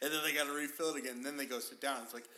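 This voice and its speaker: Bright-voiced male host, casual chat. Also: mid-range voice, rapid-fire. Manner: animated storytelling, laughs often.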